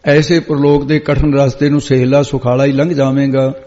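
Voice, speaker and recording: A man's voice: medium pitch, monotone, a little fast, warm tone, long reverb tail, muffled recording. A man teaching the meaning of scripture line by line and patiently correcting a student's pronunciation. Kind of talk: line-by-line scripture exposition lesson.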